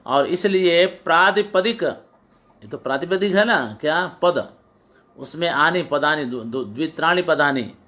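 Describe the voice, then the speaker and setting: A man's voice: fairly high pitch, expressive, unhurried, bright, forceful tone. A middle-aged male teacher giving a lecture on Sanskrit poetics, quoting verses and glossing them phrase by phrase, often repeating and restarting words.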